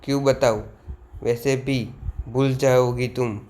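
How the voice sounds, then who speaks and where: A man reading the lines of a curt, impatient young male swordsman in a flat retelling of manga dialogue. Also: medium pitch, slow, lightly acted.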